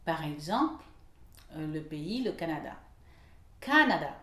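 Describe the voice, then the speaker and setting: Slow-spoken woman teaching pronunciation. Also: fairly low pitch, darkish tone, roomy sound. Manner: slow, repeats English words several times to model stress; clear explanatory teaching with occasional hesitations. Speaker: English teacher. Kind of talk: French-language English pronunciation lesson.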